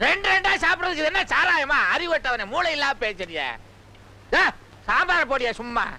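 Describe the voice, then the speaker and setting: A man's voice: extremely high pitch, expressive, brisk, gravelly, bright, forceful tone, heavily acted. An actor playing a grumpy older man who grumbles at a wedding feast in a film comedy. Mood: complaining. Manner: grumbling, complaining, insulting.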